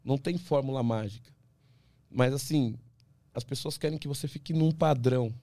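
A man, an ultramarathon runner from Brazil, talking as a podcast guest, animated and full of restarts, acting out what others say. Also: medium pitch, normal speed, no echo. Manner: animated storyteller, many restarts, acts out quoted voices. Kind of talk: casual interview talk.

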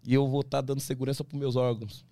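Brazilian runner guy on a podcast, mellow dark voice, dry close mic, lots of restarts. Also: mid-range voice, fast, no room sound. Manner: animated storyteller, many restarts, acts out quoted voices. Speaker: ultramarathon runner, podcast guest. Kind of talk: casual interview talk.

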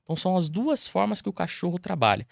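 Brazilian man, dog trainer, rapid and animated, slightly high voice, dry close mic. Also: gravelly, dry recording. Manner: animated, acts out owners and dogs in quick voices. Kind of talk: casual interview talk.

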